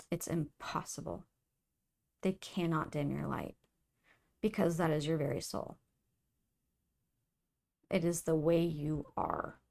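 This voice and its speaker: A woman giving an earnest, emotional tarot reading to her viewers, soft-spoken, with many fillers and restarts. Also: lowish voice, gravelly. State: tearful at times. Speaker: tarot reader. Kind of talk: intuitive tarot reading to camera.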